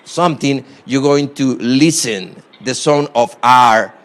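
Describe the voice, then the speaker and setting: In a lecture hall, a Costa Rican man with a strong Costa Rican Spanish accent delivers a university guest lecture in halting English. He uses many fillers and restarts and stresses key words emphatically, his voice medium-pitched and fairly bright.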